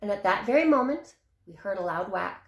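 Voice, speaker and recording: A woman teacher reading a rhyming picture book aloud with an expressive, rhythmic delivery. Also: medium pitch, brisk. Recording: echoey room.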